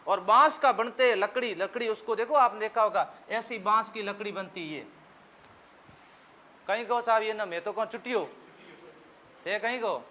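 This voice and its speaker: A man's voice: sits high, pushed and bright. A man with a Rajasthani accent teaching an exam-prep lesson with memory tricks, jokey, asking the class questions and answering them himself. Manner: mimics regional speech for laughs.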